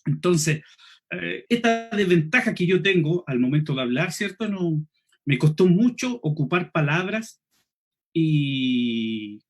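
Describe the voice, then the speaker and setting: A man from Chile with a Chilean Spanish accent, teaching an online preaching seminar. He talks fast, clips his words, drops his final S sounds and keeps checking in with the listeners. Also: a little high, husky. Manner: quick, clipped speech, swallows final S, frequent "¿cierto?" checks. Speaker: preaching instructor.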